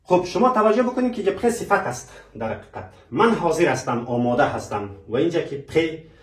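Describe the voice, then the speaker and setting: Male French teacher, higher voice, quizzes and answers himself, echoey room with the mic set back. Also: big pitch swings, recorded from a distance. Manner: asks rhetorical questions and answers them himself; slowly spells out French example phrases. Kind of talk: French lesson.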